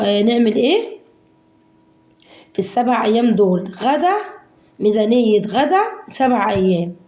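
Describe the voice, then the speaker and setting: A woman with an Egyptian accent, hoarse from a cold, chatting fondly to her viewers about a budget week of home cooking. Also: fairly high pitch, reverberant. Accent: Egyptian Arabic. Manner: warm endearments to viewers, acts out their questions.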